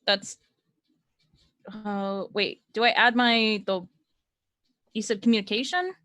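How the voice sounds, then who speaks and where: A woman's voice: medium pitch, steady tone, slow, a bit bright, no room sound. Female tabletop player, mid-range voice, casual table chat, very dry recording.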